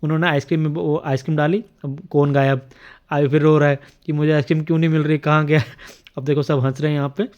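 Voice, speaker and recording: Man, casual voice-over, frequent chuckles, slightly high voice, dull lo-fi sound. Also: flat delivery, fast, darkish tone. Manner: chuckles often while narrating. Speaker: vlogger narrating a family video.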